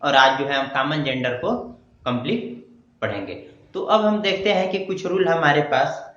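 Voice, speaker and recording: A man teaching a grammar lesson, who repeats words slowly as he writes them on a board. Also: a little high, lively intonation, a bit bright. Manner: slow, repeats terms while writing on a board. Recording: dull echoey room, mic far off.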